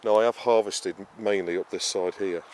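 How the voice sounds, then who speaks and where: With a darkish, lowish voice held at a steady tone and moderate pace, an allotment gardener hosting a show walks the camera around his vegetable plot. His step-by-step planting explanations ramble casually, studded with fillers and restarts, against rural outdoor sounds on noisy camera audio.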